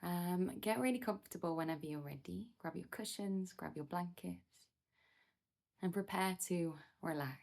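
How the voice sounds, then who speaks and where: Soothing and gentle, a woman talks listeners through a guided meditation with measured directions and pauses. She speaks on the low side with a creaky quality.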